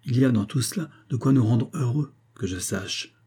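A man's voice: mid-range voice, moderate pace, slightly rough. A man voicing a domineering billionaire father. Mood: boastful. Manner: forceful, reproachful, rising to emphatic outbursts. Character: domineering middle-aged billionaire father, exalted. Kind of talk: audiobook character reading.

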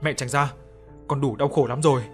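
A man's voice: medium pitch, steady tone, moderate pace, close to an everyday voice. A man playing a grief-stricken young husband who pleads desperately, with faint music behind.

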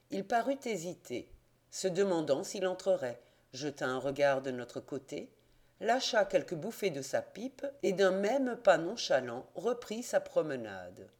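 A man narrating a classic detective novel as an audiobook, in a measured, expressive reading. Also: on the high side. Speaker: audiobook reader.

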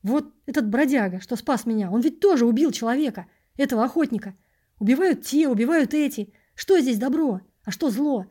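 A woman's voice: medium pitch, steady tone, fairly quick, dark tone, lightly acted. A woman reading an audiobook, voicing a despairing, self-doubting young male wanderer with a raised, pleading voice. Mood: desperate.

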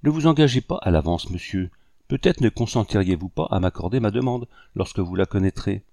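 Earnest young lady, voiced by a man, gentle, pleading, courteous, lifted pitch over a low voice, dry close sound. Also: expressive, brisk, vocal fry, no room sound. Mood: timid insistence. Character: earnest young French lady of colonial gentry.

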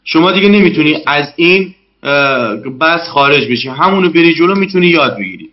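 A man's voice: a little high, expressive, highs cut off. A man, a guest in a casual interview, talking politely about learning a language with many hesitant fillers.

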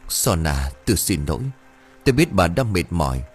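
A grieving old father, worn down by poverty and guilt, as a man reads him in a storybook. His deep, husky voice swings widely in pitch as he pleads in choked, remorseful words. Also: big pitch swings, normal speed, faint music behind, exaggerated voice.

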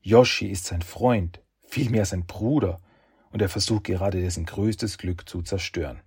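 A man reading an audiobook in measured, calm scripted narration. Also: low voice, slightly rough, dry recording, studio quality. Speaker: audiobook reader.

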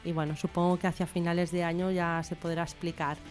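This middle-aged guest writer from Barcelona, bilingual in Catalan and Spanish with the city's accent, talks informally about her writing. She has a lowish, darkish, level voice and a quick pace, and faint music plays underneath.

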